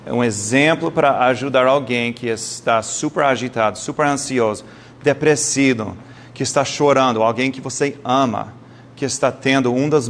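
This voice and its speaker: A man's voice: medium pitch, gravelly, a little hiss or hum. Man lecturing a live audience. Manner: lively storytelling, quizzes the audience, occasional non-native slips.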